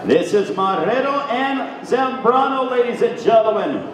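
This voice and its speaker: A male ring announcer works a boxing event with a very high-pitched, showy delivery, stretching names like a lucha libre announcer. His amplified voice rings through a long, echoing hall with a clear crowd behind him. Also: animated, a little slow. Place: large indoor hotel event room. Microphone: handheld microphone through PA.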